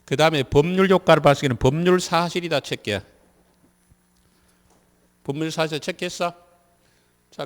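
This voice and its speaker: Quizzing his students again and again, a civil law instructor prepares them for the real estate licensing exam. He speaks with a Gyeongsang Korean accent in a slightly high voice, and the lecture takes place in a large hall.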